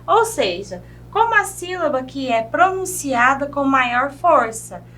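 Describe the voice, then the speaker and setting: A Brazilian woman teacher giving a video grammar lesson, drawing out example words slowly and checking in with her class. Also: high-pitched, sing-song, a bit bright. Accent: Brazilian Portuguese. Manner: slow, drawn-out pronunciation of example words; checks in with "né?" and "certo?".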